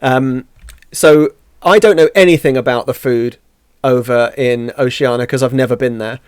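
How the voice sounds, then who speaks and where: A man's voice: medium pitch, clear, resonant tone, dry recording, studio quality. A man co-hosting a podcast stream, asking questions casually with frequent restarts. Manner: halting, restarts often. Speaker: co-host. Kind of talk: casual chat.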